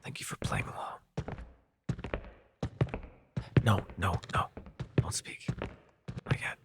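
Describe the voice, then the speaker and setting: In an ASMR audio roleplay, a man voices a protective, sardonic male vampire, lightly acted. He talks intimately and haltingly in a hushed, urgent mood, swearing and sighing along the way.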